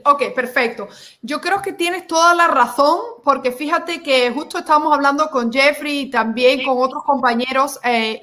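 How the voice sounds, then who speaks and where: A woman with a high voice hosts an informal online panel. She talks conversationally and slips from one language into another. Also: sharp tone. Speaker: host. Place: video call.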